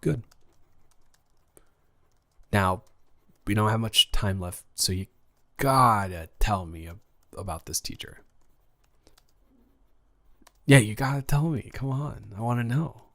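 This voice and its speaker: A man performing romantic audio role-play gives a full character voice to a shy outcast who is the anxious new boy at school. His slightly low delivery is expressive, slow and sharp in tone, with frequent pauses. He trips over words, stutters, restarts and hedges nervously and awkwardly, close to the mic.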